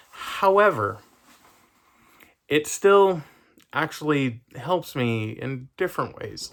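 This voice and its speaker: A man's voice: medium pitch, a bit bright. A young man talking casually to his camera, hesitant and rambling with many fillers. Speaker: vlogger.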